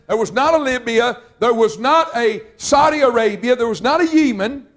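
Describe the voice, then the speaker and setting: A man preaching a revival sermon, fervent and drawn out, sometimes shouting. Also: very high voice. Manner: fervent, shouting at peaks, drawn-out emphatic phrases. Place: church sanctuary.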